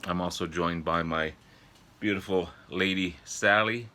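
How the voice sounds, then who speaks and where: A man with an extremely deep voice and a forceful, bright edge talks casually to his viewers as a vlog host. He has a sore throat from a cold, so his delivery is halting and throat-clearing. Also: fairly even intonation, a little hiss or hum. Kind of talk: casual chat to viewers about records. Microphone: older phone.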